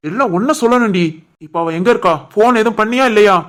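A woman voicing a young husband and son in an animated family drama, scolding and stern, with a Tirunelveli Tamil accent. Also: mid-range voice, quick pace, lightly acted. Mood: angry. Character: young husband and son, short-tempered man.

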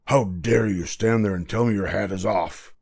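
Seeking a man to play a blustering, commanding king for a children's storybook: lowish register, pompous, short fuse. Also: normal speed, creaky, darkish tone, breathy edge. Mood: outraged. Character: imperious, hot-tempered king, blustering with outrage. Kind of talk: storybook character voice.

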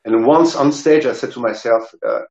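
A man's voice: medium pitch, normal speed, a little mellow. A middle-aged man with a French accent, telling casual anecdotes hesitantly, searching for words. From south of France. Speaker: interview guest, rock guitarist and singer. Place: indoor room, video call. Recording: roomy, dull video-call sound.

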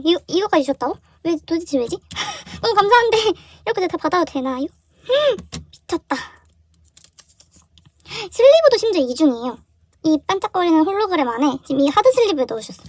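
High-voiced excitable young woman vlogger. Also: no echo. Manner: excitable, gasping and exclaiming in surprise. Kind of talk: casual unboxing chat.

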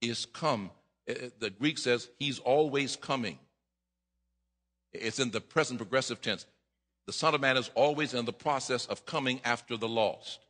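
A middle-aged man preaching a sermon at a lectern, acting out voices, repeating himself and rising to shouts. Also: mid-range voice, normal speed. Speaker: pastor. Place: church sanctuary at a lectern. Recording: long reverb of a church hall.

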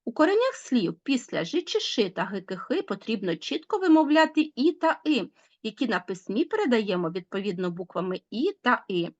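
A woman teacher giving a recorded school lesson, clearly and deliberately dictating example words to pupils. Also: a little high, sing-song, muffled recording.

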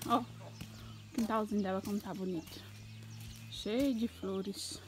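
A woman's voice: steady tone, measured pace, darkish tone, slight background noise. A woman chatting casually while filming her daily farm chores outdoors on her phone, calling out to the animals. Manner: chatty, calls out to animals in a high sing-song voice. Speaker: vlogger. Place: outdoors on a farm, pigsty and yard. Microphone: phone camera held by the speaker.

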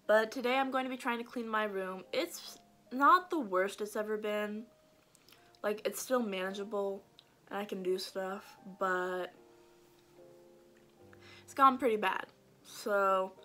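A woman's voice: medium pitch, pushed and bright. A young woman chatting casually to camera as a vlogger, informal and self-deprecating, trailing off, her speech slightly thick as if from a swollen mouth. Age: young adult. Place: small bedroom, indoors. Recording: noisy home bedroom recording.

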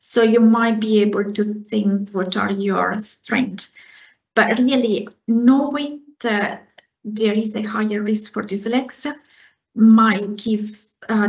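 Her voice is mid-range, gravelly and a little mellow: a researcher from Italy in her forties, guest speaker taking questions after her talk via video call. She speaks with an Italian accent, earnest and gesturing with her hands, from an indoor room at home over slightly dull call audio.

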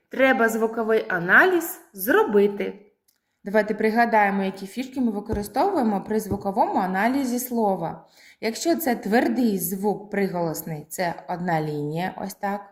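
Woman from Ukraine, preschool teacher, unhurried careful delivery, stretched-out words, gentle lesson tone. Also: mid-range voice. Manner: slow, deliberate, drawing out words for children. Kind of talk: slow, clear preschool lesson.

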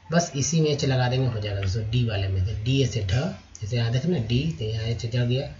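A male teacher slowly reciting syllables one by one in a slide lesson, with a Hindi accent. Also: mid-range voice, a little mellow, slight background noise. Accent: Indian Hindi. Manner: slow, drawn-out syllable-by-syllable recitation. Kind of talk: slide-based spelling lesson. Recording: slightly muffled lo-fi recording.

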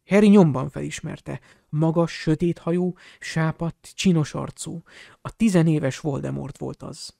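A man narrating an audiobook in a steady, expressive storytelling voice on a close mic. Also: on the high side, gravelly, no room sound. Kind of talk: audiobook reading.

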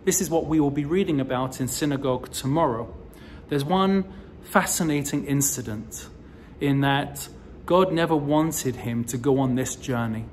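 A man in his forties giving a recorded sermon as a rabbi, telling the story slowly with emphatic rises, filmed close up on a phone indoors. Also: mid-range voice, a little hiss or hum. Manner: slow, deliberate storytelling delivery with emphatic rises. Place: indoors in front of a decorative wall. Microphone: phone or camera close to the face, selfie framing.

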